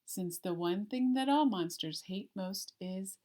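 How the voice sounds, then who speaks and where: A medium-pitched woman, an elementary art teacher, storytells from a children's picture book. She reads slowly and deliberately with plenty of expression, giving the rhymes extra emphasis.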